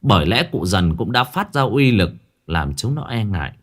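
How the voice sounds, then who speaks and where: A man, narrating a ghost story in a dramatic, expressive manner. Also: lowish voice, normal speed.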